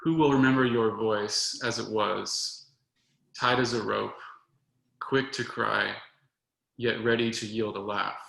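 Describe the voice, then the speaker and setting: A young adult man reading his own poems in a measured, soft-spoken way, with short talk between them. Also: fairly low pitch, fairly even intonation, gravelly. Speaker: poet reading his work. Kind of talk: poetry reading. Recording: roomy echo.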